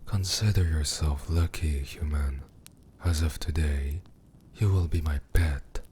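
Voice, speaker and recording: A man plays an extremely deep, dark demon king in a scripted ASMR roleplay, speaking slowly and deliberately. Cruel, possessive, and smug, he carries a condescending, coolly amused menace. His voice is mellow and breathy over a faint low rumble.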